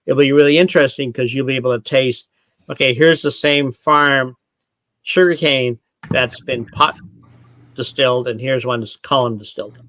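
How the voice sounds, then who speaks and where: A man's voice: medium pitch, steady tone, moderate pace, a bit bright, no echo. A man from Canada, a brand ambassador explaining spirits in a casual online tasting chat, rambling and correcting himself as he goes.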